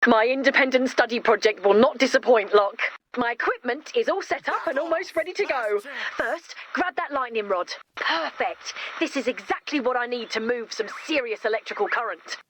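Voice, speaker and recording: Voicing a young female inventor in an animated video game, a woman sounds gleeful and eager, emphatic and enthusiastic even as she breezily discusses macabre things. Her natural voice is a little high and moves at normal speed, with slight background noise.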